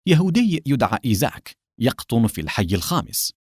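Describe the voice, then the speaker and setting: A man's voice: medium pitch, very animated, brisk, a little mellow, slightly rough, dry recording, clean studio sound. A man narrating an audiobook voices a cunning male secret agent who acts theatrically angry. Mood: feigned anger.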